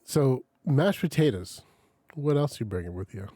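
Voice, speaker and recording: Laughing often and cursing without restraint, the man hosting this casual podcast explains his method for packing leftovers like a lively storyteller. He speaks at medium pitch and normal speed in a dry, clean studio recording.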